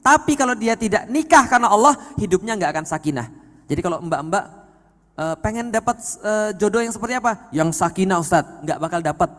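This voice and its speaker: A man preaching an Islamic lecture to a live audience, lively and emphatic, swinging from quiet to loud and often checking that listeners understand. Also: high voice. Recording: long hall reverb.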